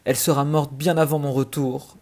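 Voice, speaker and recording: A man's voice: fairly high pitch, flat delivery, normal speed, a little mellow, voice pushed up. A man voicing a devoted seven-year-old boy in a storybook reading, pleading urgently.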